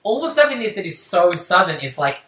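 A woman co-hosting a podcast, talking casually about a movie in a quick, rambling way full of fillers. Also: on the low side, sing-song, a bit bright, distant mic, a little hiss or hum. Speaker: podcast co-host. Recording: echoey room, off-mic.

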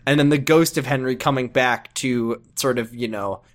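A man's voice: medium pitch, normal speed. A man co-hosting a casual, joking podcast chat, laughing often and slipping into silly voices. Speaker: podcast co-host.

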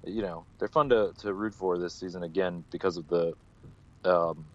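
A man co-hosting a casual sports chat by phone from a parked car, rambling and laughing easily, his voice thin with no bass. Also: fairly even intonation, moderate pace. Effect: thin phone-line sound with no bass. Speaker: co-host. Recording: dull dry phone line.

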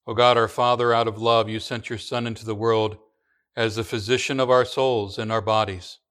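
Smooth-voiced man reciting church prayers. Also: fairly low pitch, little pitch movement, fairly bright tone. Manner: slow, measured recitation with small restarts. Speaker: pastor. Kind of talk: liturgical prayer reading.

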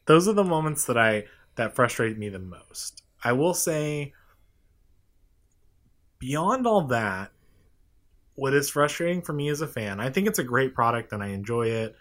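A man's voice: mid-range voice, animated, a little slow, pauses often, a bit bright. A young man in casual chat, thoughtful and hedging, often agreeing with his co-host.

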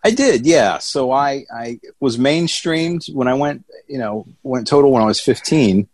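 A man's voice: mid-range voice, lively intonation, a little slow, darkish tone, dry recording. A middle-aged American man from Atlanta chatting as an interview guest in an informal, rambling, folksy way. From Atlanta, Georgia, United States. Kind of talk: casual conversational interview.

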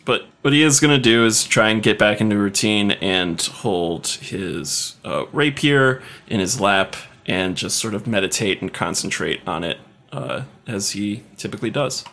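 A man playing a tabletop game, haltingly describing what his character does. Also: on the low side, a bit bright. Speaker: player. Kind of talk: casual tabletop play.

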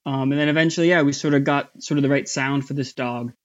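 A man guesting in a casual interview about his voice acting work, talking in a halting way with many fillers and restarts. His voice is somewhat high. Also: fairly even intonation, muffled recording. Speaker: voice actor guest.

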